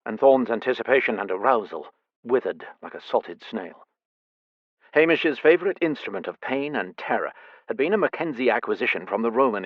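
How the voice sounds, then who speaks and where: A man reading a historical romance audiobook in a measured, expressive storytelling manner. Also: mid-range voice, no echo, highs cut off. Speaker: audiobook narrator. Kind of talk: scripted audiobook narration.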